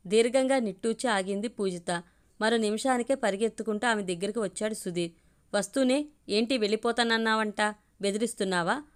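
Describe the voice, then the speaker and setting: A woman storyteller reading a romantic family story aloud, in steady narration. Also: mid-range voice, fairly quick. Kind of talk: scripted audio story narration.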